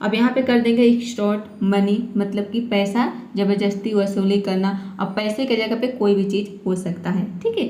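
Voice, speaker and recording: A woman who teaches English vocabulary in a patient manner. She spells out words and repeats them slowly, adding a steady "okay" after each point. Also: mid-range voice, reverberant, a little hiss or hum. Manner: patient, repeats "ठीक है" often. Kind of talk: vocabulary lesson.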